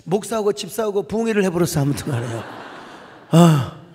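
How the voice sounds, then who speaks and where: Impassioned pastor preaching in a big hall. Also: male voice, sits high, very animated, fairly quick, slight background noise. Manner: storytelling, acting out quoted voices, swings from hushed to shouting. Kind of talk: sermon. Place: large church sanctuary. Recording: long hall reverb from a church.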